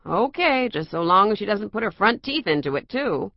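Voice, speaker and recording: A woman's voice: mid-range voice, sing-song, moderate pace, no room sound, highs cut off. A woman voicing a cheerful, enthusiastic boy who teases his siblings. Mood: eager teasing. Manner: enthusiastic, teasing. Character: eager, cheerful boy, older brother.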